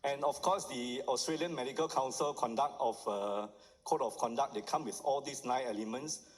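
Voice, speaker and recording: A middle-aged doctor, giving a conference lecture and often checking in with the audience with "huh?" and "right?". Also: male voice, mid-range voice, moderate pace. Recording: long hall reverb.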